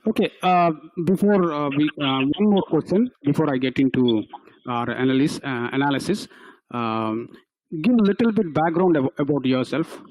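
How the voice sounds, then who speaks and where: A man's voice: fairly high pitch, normal speed, darkish tone, dry recording, low-quality recording. A man hosting a casual radio sports talk show, who often stops and restarts his sentences.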